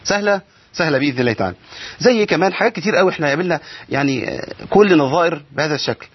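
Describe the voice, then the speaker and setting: A man with an Egyptian accent teaches the rules of Quran recitation at a quick clip. His voice is somewhat husky, and he keeps asking his students questions and then answering them himself. The recording sounds a little dull and lo-fi. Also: a little high, animated, no room sound. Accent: Egyptian Arabic. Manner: explanatory, poses and answers his own questions. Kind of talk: tajweed lesson.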